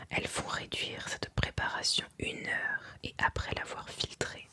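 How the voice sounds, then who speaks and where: An ASMR reader whispering softly in an unvoiced, breathy voice, reading aloud carefully with deliberate pauses.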